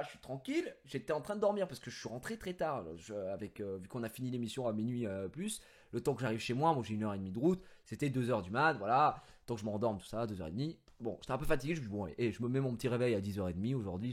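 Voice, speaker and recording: A man telling a story in a casual vlog, rambling with fillers, using crude slang and breaking into mock-indignant shouting. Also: mid-range voice, lively intonation, quick pace. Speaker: streamer.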